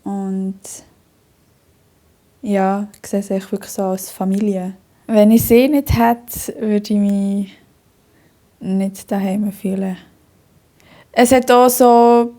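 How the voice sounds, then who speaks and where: A woman's voice: medium pitch, warm tone. A young woman with a Bernese Swiss German accent, telling her own story in an interview, often breaking into hearty laughter and talking at length with many fillers and restarts.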